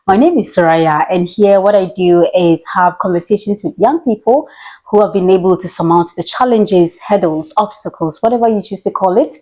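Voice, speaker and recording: A woman's voice: mid-range voice, normal speed, darkish tone, low-quality recording. A woman hosting an interview podcast, friendly and conversational, with some fillers. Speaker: host.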